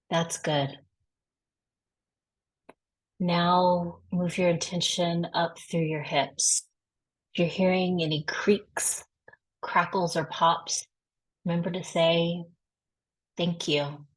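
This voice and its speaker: Speaking in a somewhat low voice, a woman leads a body scan practice very slowly and without hurry. Each instruction is gentle and reassuring. The audio quality is poor.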